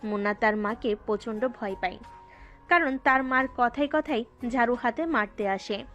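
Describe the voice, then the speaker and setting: A woman narrating a Bengali audio love story in a steady, conversational storytelling tone. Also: fairly high pitch, moderate pace, highs cut off. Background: faint background music.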